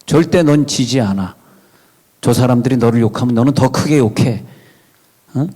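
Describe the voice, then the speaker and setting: A pastor voicing the devil as a tempter who coaxes and goads a believer with false flattery. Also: male voice, mid-range voice, normal speed, husky, close to an everyday voice. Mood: goading. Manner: coaxing, goading, insistent.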